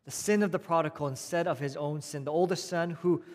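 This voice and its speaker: A man preaching a sermon in a conversational way, repeating phrases and swinging between raised emphasis and quiet, soft passages. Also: a little high, a little fast. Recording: long hall reverb.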